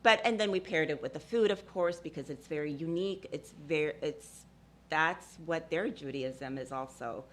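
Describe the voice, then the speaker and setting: A woman's voice: sits low, normal speed. A woman from Ethiopia speaking on a discussion panel, hesitant and full of fillers, often laughing.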